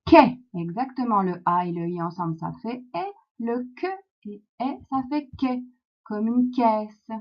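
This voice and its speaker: Woman, French accent, primary teacher, very slow encouraging delivery, muffled lo-fi recording. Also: on the high side. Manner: slow, clear, encouraging, syllable by syllable. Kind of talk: phonics lesson for young children. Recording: dull lo-fi sound.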